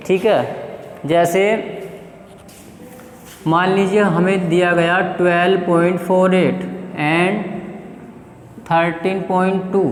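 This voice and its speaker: A man's voice: high-pitched, echoey room, big-room sound, a little hiss or hum. A male math teacher, explaining a lesson step by step and asking the class questions that he then answers himself. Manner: reads definitions aloud slowly.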